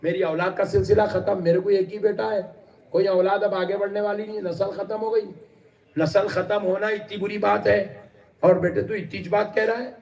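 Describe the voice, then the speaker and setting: Male preacher, rhythmic storyteller who builds to shouts; slightly high voice, mic well off. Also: flat delivery, creaky, far from the mic. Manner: rhythmic repetition of phrases, rising to shouted emphasis. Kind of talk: religious sermon with storytelling.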